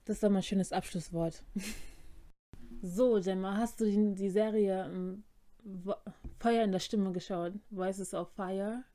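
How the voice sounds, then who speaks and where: A young woman co-hosting a relaxed conversation. She talks in a chatty way, summarizing things as she goes, with plenty of filler words. Her voice sits at an average pitch. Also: unhurried. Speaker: podcast co-host. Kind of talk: casual chat.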